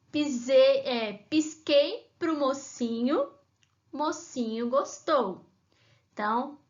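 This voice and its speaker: A woman's voice: high voice, lo-fi sound. A woman teacher talking children through a worksheet in a remote class, patient and sing-song when she reads the rhymes aloud.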